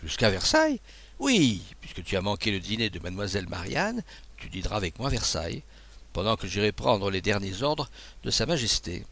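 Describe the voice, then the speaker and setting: A male reader as a self-assured officer with a teasing, brisk delivery and a gravelly edge. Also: fairly low pitch, very animated, fairly bright tone, exaggerated voice. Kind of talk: audiobook dialogue.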